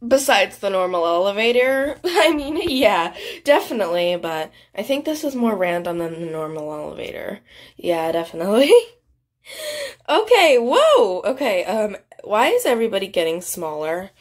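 Excitable woman narrating a game. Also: medium pitch, moderate pace. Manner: excitable, gasping and laughing often, chatty. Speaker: gaming channel host. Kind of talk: casual game commentary.

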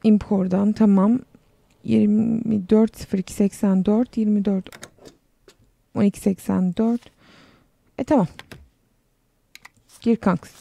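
A woman's voice: medium pitch, steady tone, slow, creaky, pauses often, dark tone, no room sound. A young woman casually commenting on a game while she plays, chatty and sarcastic, reading the game text aloud as she goes. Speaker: game streamer.

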